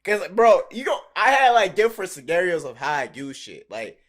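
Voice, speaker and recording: A young man with a fairly high-pitched voice swaps stories with his co-host in a loose, profane chat. He acts out scenes as he goes, with knocking sounds and shouted lines. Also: moderate pace. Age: young adult. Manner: profane, animated storyteller who acts out scenes. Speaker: podcast co-host. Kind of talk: casual storytelling chat.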